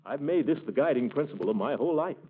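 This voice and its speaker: A man's voice: medium pitch, expressive, fast talker, close to an everyday voice. An actor playing a pompous, jovial middle-aged man in a blustering, theatrical 1940s radio comedy style. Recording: noisy, tinny 1940s radio recording.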